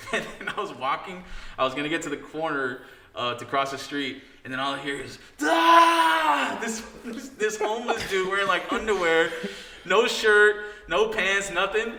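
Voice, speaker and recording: Bright, animated young man telling stories. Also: high-pitched, moderate pace, a little hiss or hum. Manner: animated storyteller, swears, acts out quotes. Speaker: podcast guest. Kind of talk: casual chat. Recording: echoey room.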